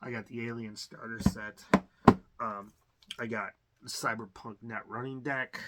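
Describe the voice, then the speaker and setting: An adult collector talks casually through a game unboxing in a mid-range voice with a sharp tone. He rambles, with lots of fillers and restarts.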